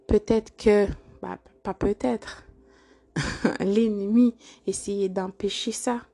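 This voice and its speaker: A woman's voice: medium pitch, gravelly, warm tone, husky. A woman hosting a motivational podcast, speaking earnestly and coaxingly to the listener, often checking in with "d'accord?". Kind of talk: motivational monologue.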